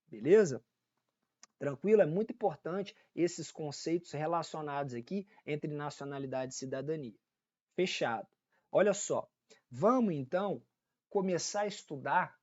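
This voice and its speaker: A darkish male voice on the high side comes through a muffled recording with no echo. Teaching law online for exam prep in a casual way, this Brazilian Portuguese-accented man keeps repeating key ideas, checking in with students and catching his own errors.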